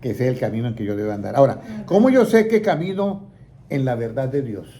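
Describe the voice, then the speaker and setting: A man's voice: mid-range voice, very animated, fast, a crowd in the background. A man leading a Bible lesson for a small indoor group, asking questions and leaving his sentences open for listeners to complete. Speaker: Bible teacher.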